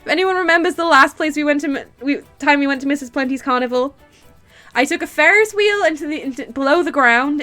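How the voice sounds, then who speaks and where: A woman streaming a game talks casually and reads its text aloud. She's excitable and laughs easily, bursting into high delight, while a cold leaves her nose stuffy and her throat sore.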